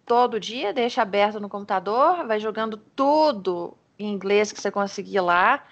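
A Brazilian woman teaching English over a video call, modeling words slowly and encouraging her student. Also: medium pitch, animated, muffled recording. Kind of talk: online pronunciation lesson in Portuguese.

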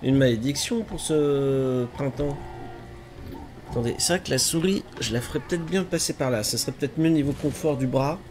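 Over music, a man of medium pitch talks at a moderate pace. He's in his thirties, congested with a cold, and seated in a gaming chair in a small room at home, casually chatting to live-stream viewers, teasing himself and fretting about tech problems as he games.

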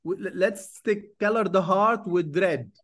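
A man's voice: high-pitched, measured pace, fairly bright tone. A man in his forties with a Lebanese accent, coaching children in drawing over a video call and repeating praise. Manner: encouraging, mixes English with Lebanese Arabic, repeats praise. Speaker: art coach. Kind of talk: remote drawing lesson. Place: small room, indoors. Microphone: video call webcam.

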